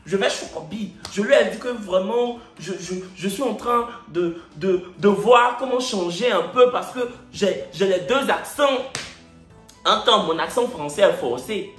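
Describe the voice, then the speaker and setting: A young Ivorian man tells his story with theatrical energy and talks straight to his viewers. His voice sits high, and his Ivorian accent is strong. The room echoes, and faint music plays behind him. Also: measured pace. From Ivory Coast. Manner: lively, theatrical, addresses viewers directly. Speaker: YouTuber. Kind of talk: animated storytelling vlog.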